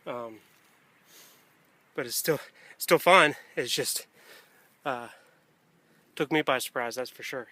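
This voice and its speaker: A man narrating a hiking vlog in a casual, unscripted way, often pausing mid-thought, recorded outdoors on a handheld camera. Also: medium pitch, pushed and bright. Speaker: hiker filming a trail vlog. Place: outdoors on a wooded rocky trail near a stream. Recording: outdoor camera audio with ambient noise.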